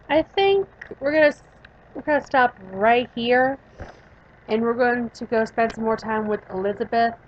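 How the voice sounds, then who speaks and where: A woman's voice: fairly high pitch, a little slow, highs cut off, a little hiss or hum. Playful woman game host, sore throat. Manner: animated, playful, drawling outro. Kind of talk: let's-play commentary.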